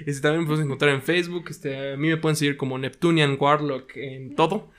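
A man's voice: a little high, fairly even intonation, a little fast, fairly bright tone. A young man co-hosting a casual true-crime podcast, rambling and hesitant with casual swearing. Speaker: podcast co-host.

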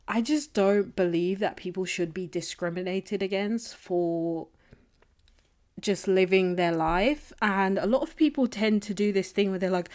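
Here a podcast host speaks with a medium-pitched, darkish voice, talking on her own in a casual, candid, rambling and opinionated manner. The slightly echoey sound comes from a makeshift indoor room, not her regular setup.

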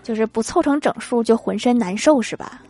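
A woman's voice: a little high, a little fast, background noise. A woman hosting a comedy podcast, reading funny anecdotes and laughing at her own punchlines. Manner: lively, laughing asides after punchlines. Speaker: podcast host reading jokes. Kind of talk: comic storytelling with acted quotes. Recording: faint background music.

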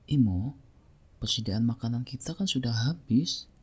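A man's voice: medium pitch, lively intonation, normal speed, darkish tone, slightly rough. A man voicing a brave, dutiful eldest brother horse in a children's story, speaking earnestly and firmly.

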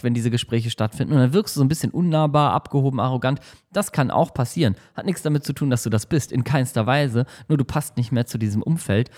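Animated man giving casual motivation. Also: mid-range voice. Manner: animated, slangy, acts out whiny coworkers.

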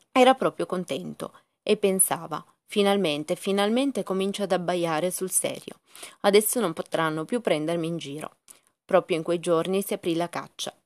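A woman narrating a children's story in a soft, hushed storytelling manner. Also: on the low side, no echo, studio quality.

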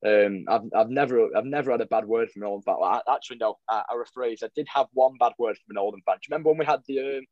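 A man's voice: medium pitch, fast, hardly any pauses, no echo, highs cut off. A young man, a football vlogger telling stories in a rambling casual chat, full of restarts and fillers. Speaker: football fan vlogger, guest.

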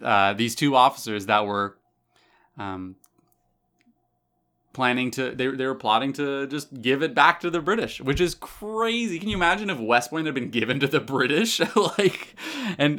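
A man with a bright, forward voice co-hosts a history podcast. He speaks at a middle pitch and explains things straight to listeners, restarting phrases and adding emphatic asides. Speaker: podcast co-host. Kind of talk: casual history chat.

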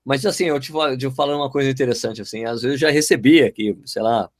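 A man's voice: medium pitch, fast. A man with an ordinary mid-range voice hosts a casual chat. He talks in a chatty, teasing and laid-back way. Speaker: podcast host.

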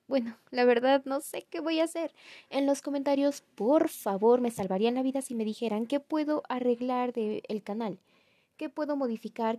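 A woman's voice: a little high, mellow, no echo. Giggly young Mexican woman vlogging. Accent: Mexican Spanish. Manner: chatty, self-mocking, giggly. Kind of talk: casual storytelling vlog.

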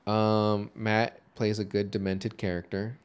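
A man's voice: lowish voice, little pitch movement, measured pace, clear, resonant tone. A man co-hosting a casual movie podcast, talking in a rambling, jokey way with lots of swearing. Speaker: podcast co-host.

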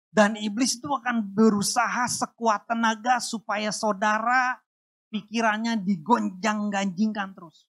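Emotional male preacher. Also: high-pitched. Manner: emotional, repetitive, dramatic swings in loudness. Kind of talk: sermon with personal testimony.

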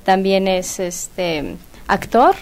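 A woman with a middle-pitched voice works as an interpreter at a live event. She relays things in a casual, conversational style. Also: animated, drawn-out words, a little mellow.

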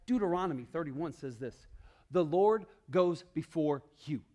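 A male pastor preaching a sermon, calling out to the congregation and swinging between loud declarations and hushed, low passages. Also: animated, measured pace. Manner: calls out to the congregation.

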